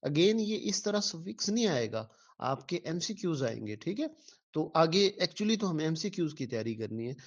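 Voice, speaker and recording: A man's voice: fairly high pitch, a little mellow. A male teacher giving an exam-prep lecture, patiently repeating words syllable by syllable and answering his own questions.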